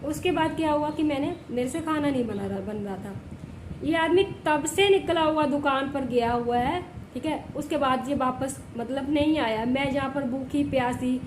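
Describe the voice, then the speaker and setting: A woman with a high voice talks straight to the camera while sick with a fever, complaining and repeating herself. She keeps checking in with her viewers. The room is echoey and loud noise runs behind her. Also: moderate pace. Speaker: village vlogger. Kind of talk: casual vlog talk to camera. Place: home indoors.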